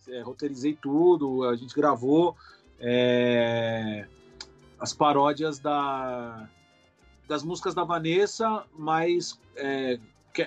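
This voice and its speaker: A Brazilian man, comedian and TV writer, chatting casually as a guest with relaxed slang and casual swearing. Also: medium pitch. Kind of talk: casual interview chat.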